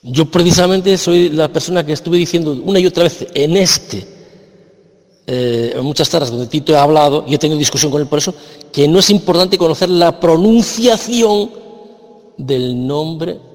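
A man's voice: fairly high pitch, normal speed, a little mellow, in a large hall. A man with a Spain Spanish accent, arguing insistently and repeating his points in a heated religious debate. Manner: argumentative, insistent, repeats himself. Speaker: debate participant.

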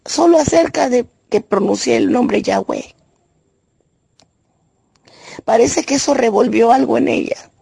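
Brief: Panamanian woman giving a church testimony from her bed at home, rough gravelly voice, stop-start delivery. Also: a little high, mellow, no echo. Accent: Panamanian Spanish. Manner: halting, with many restarts. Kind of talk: personal religious testimony.

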